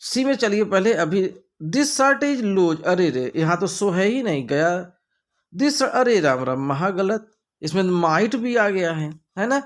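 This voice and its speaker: A man's voice: sits high, sing-song, unhurried. A man with a Hindi accent teaching an English grammar lesson, talking the class through answer options with playful, theatrical asides.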